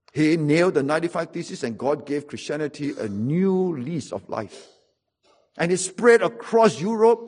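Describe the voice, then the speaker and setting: A middle-aged preacher with a Singaporean English accent delivers a sermon, weaving wry humor into his stories and hammering points home with emphatic repetition. His voice is a little high for a man, husky and slightly rough, with a darkish tone.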